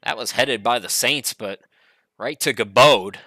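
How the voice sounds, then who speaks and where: A middle-aged man calling a college soccer match play-by-play from a home studio, chatty and relaxed with frequent fillers. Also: mid-range voice, a little slow, dry recording. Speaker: play-by-play commentator.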